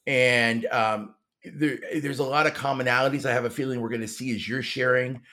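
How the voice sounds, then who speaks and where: A man's voice: mid-range voice, fairly even intonation, a little fast, sharp tone. A man hosting a faith-based interview podcast, asking questions in a rambling way, often searching for words. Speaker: podcast host.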